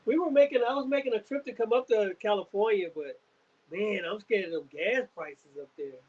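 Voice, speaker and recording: A man hosting a podcast with a notably high voice, asking his questions in a relaxed, easygoing way. His audio sounds dull and lo-fi. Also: fairly quick. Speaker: podcast host. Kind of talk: casual interview chat.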